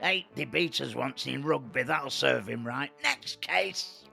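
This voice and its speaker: A man's voice: mid-range voice, a little slow, vocal fry, pushed and bright, faint music behind, full character voice. A man voicing a harsh, bigoted male judge who hands out absurd sentences in a blustering, pompous manner.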